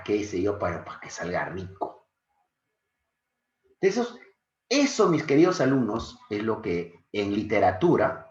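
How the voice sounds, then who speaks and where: Lively teacher in an echoey room. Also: male voice, sits low. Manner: animated, questions students often, affectionate teacherly asides. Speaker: secondary school literature teacher. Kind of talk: online class lecture. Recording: echoey room, dull lo-fi sound.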